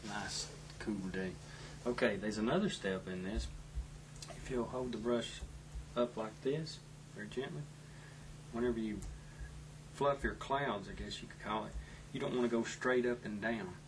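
A middle-aged man giving a step-by-step painting demonstration as a gentle, unhurried instructor, talking in short soft phrases while he works. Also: lowish voice. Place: indoor dark studio, standing at easel. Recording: loud noise behind the voice.

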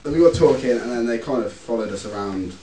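A man's voice: medium pitch, lively intonation, fast talker, warm tone. Young man telling crude stories, laughing. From England. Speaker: vlogger. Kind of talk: casual chat with friends. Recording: echoey room, far from the mic, faint hiss.

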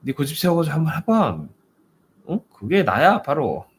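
A man's voice: on the high side, wildly swooping pitch, normal speed, husky, pitched above the performer's own voice, full character voice. A man voicing a pushy male spirit that clings to a person and goads him, taunting and egging him on. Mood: goading. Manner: taunting, egging on with nagging tags.

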